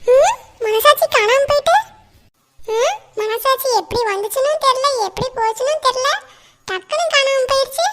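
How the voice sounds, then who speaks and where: A woman voicing a gullible, crying little village girl in a cartoon, with a shrill, whiny childlike voice. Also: moderate pace, fairly bright tone. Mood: puzzled. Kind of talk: cartoon voice acting.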